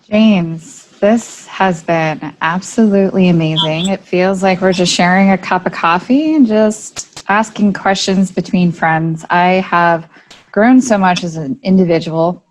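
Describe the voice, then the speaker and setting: A woman with a somewhat low voice hosts a podcast interview. She speaks sincerely and effusively, thanking her guest. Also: a little slow, poor audio. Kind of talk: heartfelt interview closing.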